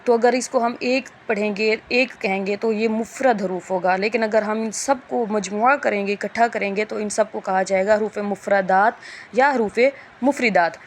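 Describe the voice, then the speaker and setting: A woman's voice: medium pitch, fairly even intonation, slight background noise. A woman teaching a Quran reading lesson, explaining rules patiently and stretching out letter sounds as examples. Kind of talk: Urdu lesson lecture.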